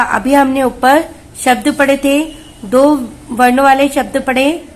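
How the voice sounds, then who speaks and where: A woman's voice: sits high, a little hiss or hum. A woman teaching a recorded lesson to small children, patiently asking and answering her own questions and stretching out each word before repeating it. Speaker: kindergarten Hindi teacher.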